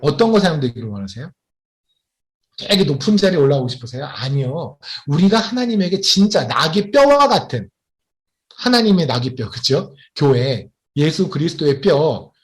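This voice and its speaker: A man preaching a sermon as a missionary, who keeps asking his congregation questions and slows down to stress key points. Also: on the high side. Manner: animated, asks the congregation questions often.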